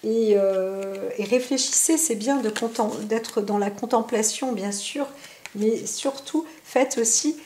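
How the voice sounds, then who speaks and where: Woman, psychic card reader, speaks straight to the viewer, many fillers, slightly high voice, roomy room. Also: slow pace, mellow, a little hiss or hum. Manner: talks directly to the viewer, many fillers and tag questions. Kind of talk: spontaneous oracle card reading to camera.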